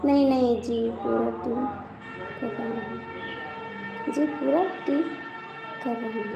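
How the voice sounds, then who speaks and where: This Awadhi-accented folk singer and live-stream host keeps it casual, teasing her viewers and reading out what they comment. Her fairly high voice is gravelly and fairly even in intonation, and she speaks slowly. The lo-fi audio, captured in an echoey room, carries faint background noise and crowd sounds.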